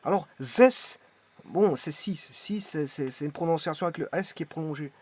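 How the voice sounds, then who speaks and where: Giving a spoken lesson, this language teacher hesitates and repeats each word while modeling its pronunciation. His voice is fairly high with a darkish tone, and he moves at a moderate pace. The recording is dull and lo-fi.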